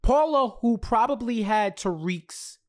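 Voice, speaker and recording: His voice is very high, expressive and unhurried as the American podcast co-host, in his thirties, works through a casual TV recap. He stresses his words and repeats phrases to build his argument, sitting close to a large podcast mic in a small indoor home studio.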